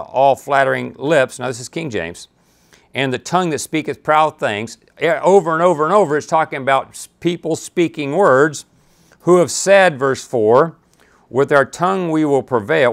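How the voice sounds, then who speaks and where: A man with a medium-pitched voice leads a Bible study, reading scripture aloud and discussing it conversationally. He frequently restarts his sentences and drifts into asides.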